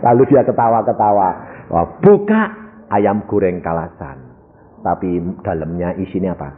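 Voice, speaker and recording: A male pastor with a Javanese accent preaching a sermon, telling stories animatedly and swinging from loud exclamations to hushed asides. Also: deep voice, lively intonation, normal speed, phone-quality sound. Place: church.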